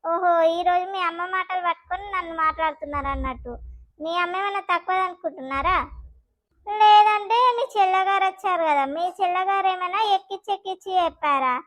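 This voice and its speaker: Cartoon wife voiced by a woman: squeaky, combative, Telangana accent. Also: quick pace. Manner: sharp, combative retorts. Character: quarrelsome young village daughter-in-law.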